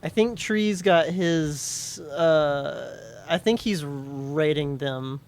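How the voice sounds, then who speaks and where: A man's voice: very slow, slight background noise. A man chatting casually while streaming a game, rambling and restarting his sentences. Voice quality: higher voice. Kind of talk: casual gameplay chat.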